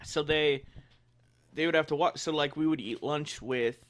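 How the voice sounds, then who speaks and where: A young man co-hosting a comedy podcast, telling stories in a casual, animated way and acting out other people's lines. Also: on the high side, normal speed. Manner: animated, acts out quoted voices loudly.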